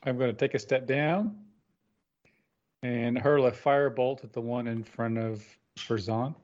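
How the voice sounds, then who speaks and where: A man's voice: medium pitch, steady tone, unhurried, a little mellow. Playful man with a dull lo-fi sound. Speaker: player. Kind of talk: casual tabletop game chat.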